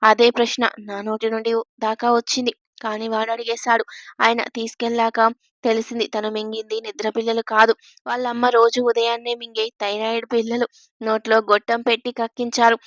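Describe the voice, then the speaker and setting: Woman telling a story in a flat, steady voice. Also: on the high side, a little fast, no echo. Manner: steady, even reading of a first-person tale. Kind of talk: scripted story narration.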